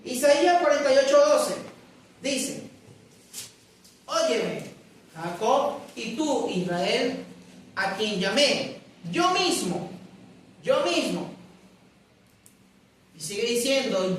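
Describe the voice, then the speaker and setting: A woman preacher giving a sermon, reading scripture slowly and emphatically and asking the congregation questions. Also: on the high side, distant mic, slight background noise. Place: church hall. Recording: very echoey room, voice away from mic.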